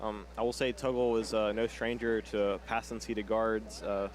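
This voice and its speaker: A man's voice: lowish voice, little pitch movement, normal speed. A man giving analytical, conversational live commentary on a grappling match as a color commentator.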